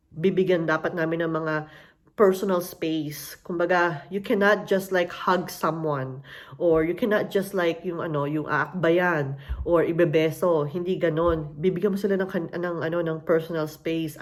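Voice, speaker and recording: A Filipino woman with a fairly low voice and a Filipino accent tells her own story in an easy, conversational way. She mixes English phrases into her speech and now and then acts out the voices of people she met. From Philippines. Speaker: interviewee sharing her immigrant story. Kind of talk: casual storytelling.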